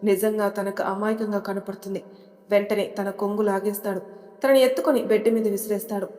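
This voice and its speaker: A woman storyteller narrating an audio story in a steady, plain manner. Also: mid-range voice, fairly quick. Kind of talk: scripted narration. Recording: long reverb hall sound.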